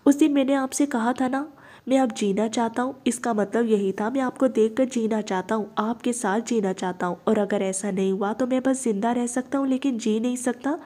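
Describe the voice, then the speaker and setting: A woman reading the part of a young police officer, speaking calmly, gently and earnestly. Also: fairly high pitch, normal speed, close to an everyday voice.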